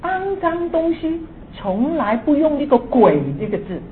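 Older woman, storyteller, fairly high voice, tinny phone-like sound, faint hiss. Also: a little slow. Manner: lively, swings between hushed and excited. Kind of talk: personal ghost story.

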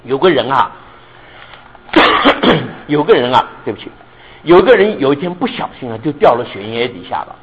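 A man preaching a sermon, telling a story in an animated way, often asking listeners if they understand and mixing English words into his speech. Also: medium pitch, normal speed, dull audio, a little hiss or hum. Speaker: pastor.

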